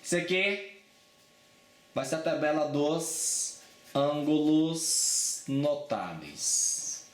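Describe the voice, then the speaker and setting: A man's voice: on the high side, sing-song, extremely slow, pauses often, reverberant. A man with a Brazilian Portuguese accent teaching a casual exam-prep math lesson, chatty and informal, often checking in with his students. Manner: chatty and informal, with frequent check-ins and slang.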